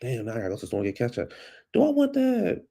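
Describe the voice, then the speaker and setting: A congested man with a fading, gravelly, warm mid-range voice rambles at his computer at home like a vlog host, his pitch swooping wildly as he talks rapid-fire. His casual solo chat is loose and chatty, and he calls his listeners baby.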